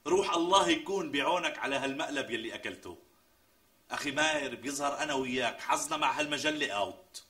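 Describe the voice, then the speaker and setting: Brief: sharp, bright-voiced sidekick, quick and lively. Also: male voice, mid-range voice. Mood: incredulous. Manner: exclamatory, incredulous. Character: skeptical friend, quick to exclaim. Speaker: comic sketch character. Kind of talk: TV sketch comedy acting.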